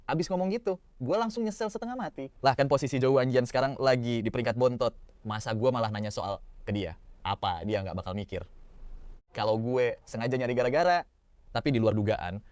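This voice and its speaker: A young man, narrating a manhwa recap in first person with slangy, expressive inner monologue. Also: medium pitch, a little fast, no room sound. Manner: slangy Jakarta-style casual talk, expressive inner monologue.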